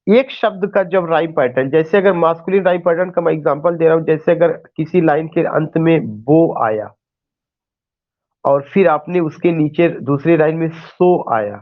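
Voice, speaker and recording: A man's voice: a little high, narrow, tinny audio. A male teacher giving an online class lecture, explaining step by step with rhetorical questions and mixing in English terms.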